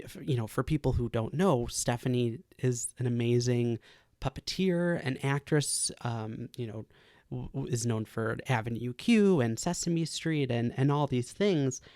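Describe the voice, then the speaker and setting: This mid-pitched man hosts a relaxed podcast interview, praising his guest warmly and effusively. His delivery runs a little slow with a darkish tone, and the audio is dry with no room sound.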